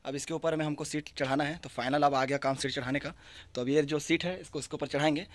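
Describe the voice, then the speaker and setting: A young adult vlogger from West Bengal, India, talks quickly in a slightly high voice with fairly even intonation. He films himself on a phone held at arm's length in an outdoor backyard, chatting casually to his viewers.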